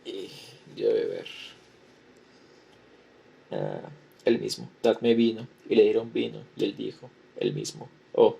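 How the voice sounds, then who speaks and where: A man lecturing, reading a historical record aloud in a measured way and repeating the same formula as he goes. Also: on the low side, vocal fry, darkish tone, husky.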